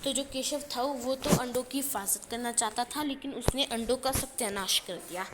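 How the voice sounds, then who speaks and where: A woman teacher reading a textbook story aloud and retelling each line in simpler words. She pauses often with filler sounds. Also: on the high side, reverberant, heavy background noise.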